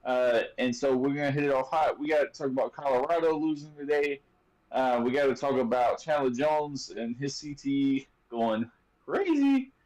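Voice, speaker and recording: A man's voice: medium pitch, steady tone, moderate pace, a little mellow, rough recording. Casual, joking man hosting a sports podcast. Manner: loose and joking, with many fillers and restarts. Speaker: podcast host.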